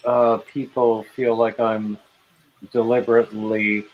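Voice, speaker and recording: A man's voice: lowish voice, level tone, measured pace, muffled recording. A man in his fifties hosting a casual knitting livestream, hesitant and self-deprecating, with dry jokes and many restarts. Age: 50s. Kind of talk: casual chat while knitting.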